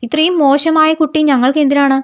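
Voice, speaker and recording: A woman's voice: high-pitched, flat delivery, fast talker, lightly acted. A woman reading out the lines of the groom's proud, dismissive middle-aged father in a serial recap.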